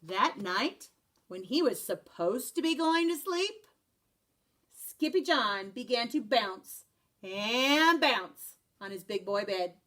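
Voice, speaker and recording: A woman, a first grade teacher, reading a children's picture book aloud, doing lively voices and dropping to hushed whispers. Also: a little high, slow pace. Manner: animated storyteller voices, drops to hushed whispers.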